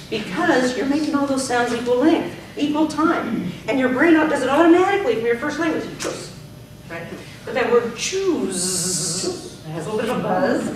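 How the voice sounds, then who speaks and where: A woman leading a speaking workshop as a speech coach, stretching out syllables when she demonstrates. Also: fairly high pitch. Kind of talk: teaching a workshop. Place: club meeting room. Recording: echoey room, far from the mic, noisy.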